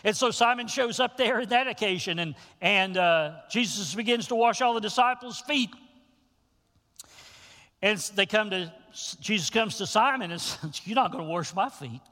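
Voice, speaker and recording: A man preaching a sermon to his congregation as pastor, telling the story with animated, folksy asides. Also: high-pitched, moderate pace, long reverb tail.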